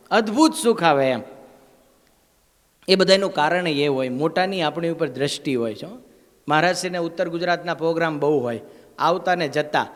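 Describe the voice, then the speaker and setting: A man giving a temple sermon as a swami, telling stories in a conversational way and asking the crowd questions. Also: a little high. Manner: conversational storytelling, asks the crowd "હા?". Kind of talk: devotional sermon. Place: temple gathering. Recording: long hall reverb.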